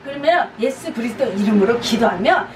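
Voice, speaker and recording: A woman pastor preaches in a chatty teaching style, circling back to the same urgent calls with small laughs. Her voice sits high and swings widely in pitch. It reaches the mic from a distance in a reverberant room, with steady background noise. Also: fairly quick. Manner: repetitive, urging exhortations with light laughs. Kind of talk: conversational teaching sermon. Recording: echoey, distant, noisy room.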